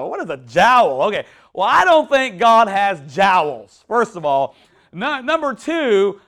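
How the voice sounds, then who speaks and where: A man preaching a sermon in an animated, conversational way, with frequent restarts and bursts of mock shouting. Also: very high-pitched. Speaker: pastor.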